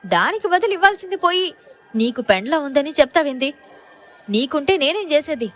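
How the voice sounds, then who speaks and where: Woman voicing a male gangster boss, ruthless, menacing, shouting, audio story. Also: fairly high pitch, moderate pace, faint music behind, natural voice.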